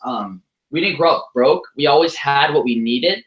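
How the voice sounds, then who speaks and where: His voice sits on the high side at normal speed as this American motivational speaker in his 20s delivers a joking, self-deprecating speech to an audience. The recording is muffled, with echoey room sound.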